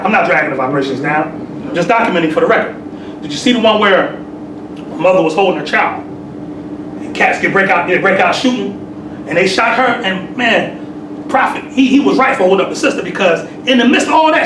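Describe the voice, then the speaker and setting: A man's voice: high voice, far from the mic. Man in his 40s preaching casual and streetwise, echoey room, hissy background. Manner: streetwise, peppered with "you know what I'm saying". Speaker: temple sheik. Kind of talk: conversational sermon. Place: temple hall.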